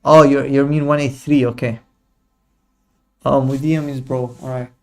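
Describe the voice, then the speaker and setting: A young man runs a live trading stream, bantering with his chat in slang and teasing viewers. His mid-range voice is level and somewhat dark, and he talks a little slowly.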